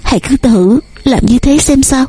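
A woman's voice: sits high, moderate pace, warm tone, husky, voice pushed up. A woman voicing a frightened, tearful young daughter who pleads with her mother. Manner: pleading, sobbing.

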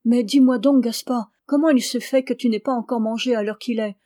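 Woman voicing a caring anxious mother, storybook reading, a bit higher. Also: fairly even intonation, a little fast, warm tone, close to an everyday voice. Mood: worried. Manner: anxious, reproachful. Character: worried caring peasant mother.

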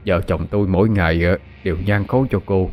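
A man's voice: sits low, fairly even intonation, fast talker, darkish tone, close to an everyday voice. A man with a Southern Vietnamese accent voicing a kind middle-aged village husband, speaking humbly and earnestly with hesitant fillers.

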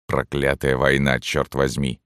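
A man playing a gruff grumbling army sergeant. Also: very deep voice, completely flat delivery, a little slow, a bit bright, no echo, studio quality. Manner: grumbling, blunt, rough. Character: gruff, soft-hearted old army sergeant.

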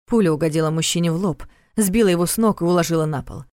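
Low-voiced woman narrating an audiobook. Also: quick pace, a little mellow, dry recording, studio quality. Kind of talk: scripted narration.

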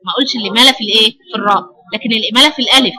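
A woman's voice: fairly high pitch, rapid-fire, pushed and bright. An Egyptian woman teaching a Quran recitation class, questioning her students as she explains. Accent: Egyptian Arabic.

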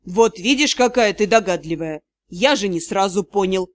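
Woman doing a weary gruff male magister. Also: high voice, moderate pace, dry recording, pitched below the performer's own voice, lightly acted. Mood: grim. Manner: growling, curt and tired.

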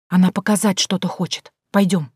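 A timid young woman, read by a woman narrator in an audiobook, whispering nervously but eager to explore. Her voice sits low and sounds dry and close. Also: fairly even intonation, fairly quick, breathy edge, no room sound. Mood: hushed. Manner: hushed, nervous. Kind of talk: audiobook character voicing.

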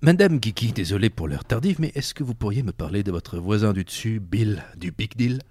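A man playing a self-important police lieutenant in an improvised comedy sketch, pompous and deadpan. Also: fairly low pitch, fairly quick, husky.

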